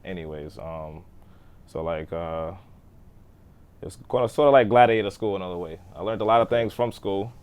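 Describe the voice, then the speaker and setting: Deep smooth voice guy in his 30s, podcast guest, lots of ums, trails off quiet. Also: normal speed. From born in Texas, raised in Boston. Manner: casual, many fillers, trails off quietly. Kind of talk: interview storytelling.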